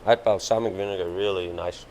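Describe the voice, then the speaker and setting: A man's voice: low voice, steady tone, brisk, darkish tone, slight background noise. A man hosting a cooking segment, answering with short, encouraging comments. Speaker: cooking show host. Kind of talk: friendly studio chat.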